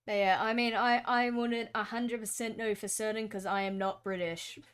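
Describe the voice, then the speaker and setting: A woman's voice: on the high side, steady tone, normal speed, a bit bright, clear, resonant tone. A young Australian woman with an Australian accent, chatting casually and rambling on with lots of fillers while she draws on stream. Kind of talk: casual chat while drawing.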